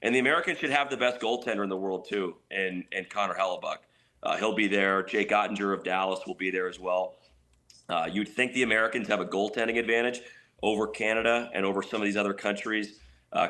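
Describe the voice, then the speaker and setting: With a fairly low pitch and a sharp tone, a hockey play-by-play announcer gives eager, conversational analysis as a radio guest. He's calling in remotely while sitting on a couch at home.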